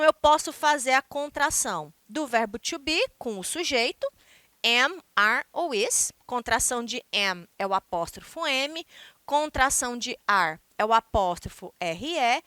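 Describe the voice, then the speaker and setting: A Brazilian woman teaching an English grammar lesson, explaining step by step and reading English examples slowly and clearly. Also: sits high, fairly bright tone, dry recording. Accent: Brazilian Portuguese. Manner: explains step by step, ending points with "tá?".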